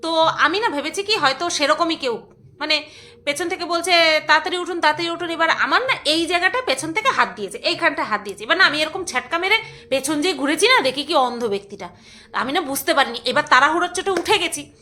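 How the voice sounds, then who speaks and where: A woman's voice: high-pitched, animated, fairly quick, bright, forceful tone. A woman vlogging in a casual, rambling chat, laughing often and breaking into song. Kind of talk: casual chat with snatches of singing.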